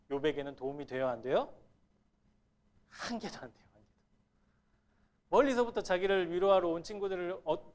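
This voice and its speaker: A middle-aged male pastor giving a Sunday sermon, asking the congregation questions and acting out quoted speech. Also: a little high. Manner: asks the congregation questions and acts out quoted lines. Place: church sanctuary.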